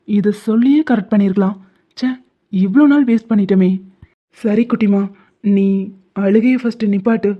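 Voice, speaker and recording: A woman voicing a caring, protective young man in an animated story, with a gentle, teasing, coaxing delivery. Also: mid-range voice, natural voice. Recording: tinny phone-like sound.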